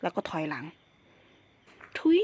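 A man's voice: a little slow, warm tone, slight background noise. A man giving a casual game walkthrough, rambling and jokey, often dropping to a whisper. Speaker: game channel host.

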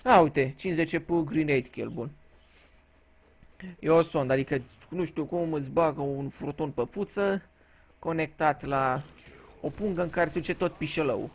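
A man from Romania giving casual gameplay commentary, telling crude, joking stories and swearing freely. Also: on the high side. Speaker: gaming YouTuber.

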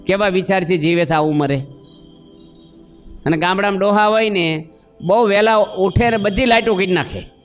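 A man preaching a sermon, telling homely stories and questioning his listeners. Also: on the high side. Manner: storytelling with acted voices and questions to listeners.

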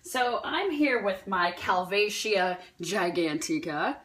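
A woman's voice: mid-range voice, lively intonation, slow, fairly bright tone. A woman with a New Jersey accent, talking her viewers through foraging and cooking mushrooms in a chatty, playful, rambling way. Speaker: holistic health vlogger. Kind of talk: casual cooking and foraging vlog.

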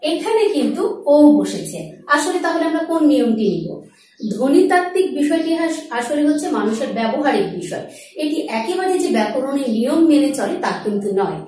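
A woman with a high voice teaches at a board, step by step, asking questions and then answering them herself. The room echoes strongly and her voice sits back from the mic. Her delivery is patient and classroom-like. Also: big pitch swings, fairly quick, a little mellow, distant mic. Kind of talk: board lesson on Bengali pronunciation.

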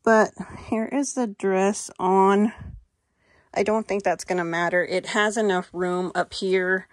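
Here a middle-aged American woman vlogs about fashion without a script, casually walking viewers through a haul and try-on in her compact walk-in closet. Holding her phone, she talks unhurriedly at a medium pitch with fairly even intonation; the audio is clean, studio-grade, and free of room sound.

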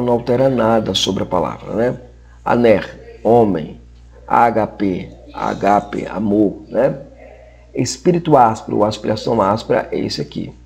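A man with a Brazilian Portuguese accent teaching a recorded lesson, slowly repeating example words and checking in with frequent tag questions. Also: on the low side, creaky, darkish tone, breathy edge. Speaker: Greek language teacher. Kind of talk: recorded classroom lecture.

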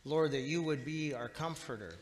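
A middle-aged man leading a spoken church prayer in a small sanctuary, earnest and halting, repeating words as he goes. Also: on the high side. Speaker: pastor. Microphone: far camera at the back of the church. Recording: reverberant church hall, faint room hiss.

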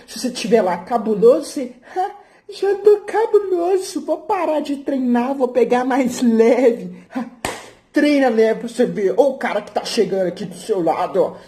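A man's voice: extremely high pitch, mellow, a little hiss or hum. A young man, an athlete vlogger, giving a brash, profane, slang-filled motivational rant and boasting about himself.

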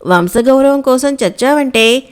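Woman reading deluded older landlord, solemn, insistent, high voice. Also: unhurried, smooth. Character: deluded old landlord obsessed with family honor.

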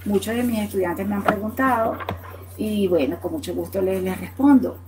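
A woman's voice: mid-range voice, moderate pace, background noise. A woman from Latin America teaching English words in Spanish on a live online class, explaining patiently and checking in with "ok?" after each point. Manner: answers viewers' questions by name. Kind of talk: live online language lesson.

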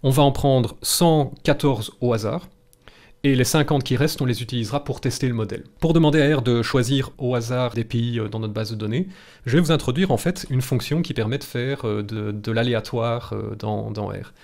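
This live statistics tutorial comes from a man in his thirties with a Belgian French accent, speaking fairly quickly in a mellow-leaning mid-range voice. He explains each step informally from a small indoor home room, near the mic, in a chatty, reassuring, bluntly humorous way.

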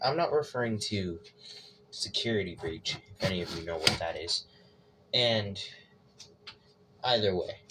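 A man with a fairly low voice hosts a casual cooking vlog. He keeps up joking, self-mocking asides as he works. Loud noise runs under the whole recording. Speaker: cooking vlogger.

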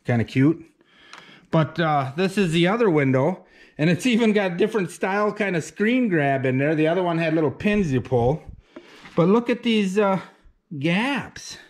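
A high-pitched, animated man speaks at a moderate pace with no echo, vlogging a walk-through of the barn he's building. He rambles folksily and jokes at his own expense, moving from the rural building site outdoors to the interior of the wooden building.

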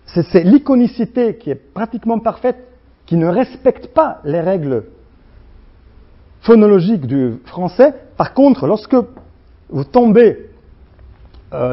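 Slovene guy w slavic accent lecturing, highish voice, lots of uh and restarts, muffled lo-fi rec. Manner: halting, many restarts and fillers, acts out sounds. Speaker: guest lecturer. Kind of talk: university lecture.

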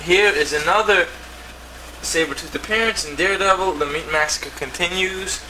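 Recorded indoors at home on an old VHS tape, this clip has a man with a high voice speaking at a moderate pace as he shows off his comics in a fake TV-presenter voice. The camcorder mic was across the room, giving hissy, far-off sound.

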